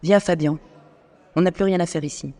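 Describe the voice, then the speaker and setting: A man voicing a dignified young woman in an audio drama, soft and reproachful. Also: a little high, steady tone, normal speed, pitched above the performer's own voice, lightly acted. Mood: cold.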